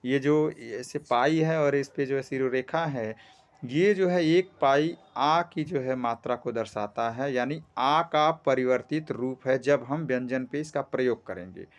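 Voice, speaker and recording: A man teaching a grammar lesson, explaining step by step, often checking in with "theek hai" and stretching vowels to demonstrate sounds. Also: mid-range voice. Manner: explains slowly with frequent "ठीक है" checks.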